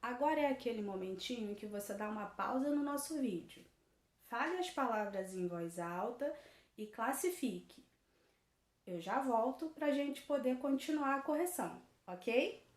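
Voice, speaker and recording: A woman teacher, slowly correcting a worksheet in a recorded lesson and repeating each answer. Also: fairly high pitch, lively intonation, echoey room.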